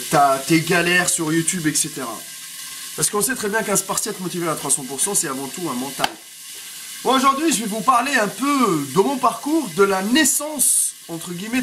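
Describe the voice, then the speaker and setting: A man in his thirties with a Tunisian accent, chatting in a hyped-up, slangy way while cooking in his home kitchen, recorded by a propped camera a bit away. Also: high-pitched. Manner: street slang, rambling, pumped motivational tone. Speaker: fitness vlogger. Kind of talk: casual hyped-up vlog chat. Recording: loud frying noise behind. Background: sizzling frying pan.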